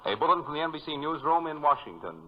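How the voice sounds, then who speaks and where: A man reading a radio news bulletin in a brisk announcer manner, heard through an old 1940s radio broadcast. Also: fairly high pitch, big pitch swings. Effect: old 1940s radio broadcast sound. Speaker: newsreader. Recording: muffled 1940s radio recording with faint hiss.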